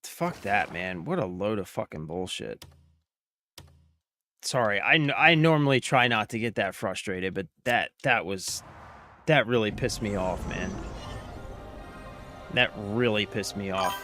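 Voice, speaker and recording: A man's voice: lowish voice, expressive, sharp tone, faint music behind. A man streaming a video game, commenting casually and swearing often as he vents. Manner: swears a lot, quick to vent.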